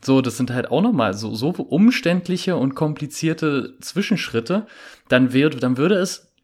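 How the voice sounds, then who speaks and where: A young man chatting casually on a podcast, speaking at a middling pitch. He rambles, restarting his sentences and filling the gaps with "äh" and "ähm". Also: animated, unhurried. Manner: rambling, many fillers and restarts. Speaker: podcast co-host. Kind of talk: casual chat.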